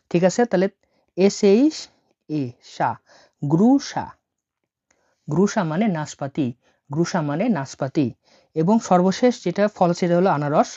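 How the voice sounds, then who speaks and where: Lady teacher spelling out words slowly, low-ish mellow voice, kinda muffled lo-fi recording. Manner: patient, spells words letter by letter and repeats them. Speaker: language teacher. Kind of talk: spoken language lesson.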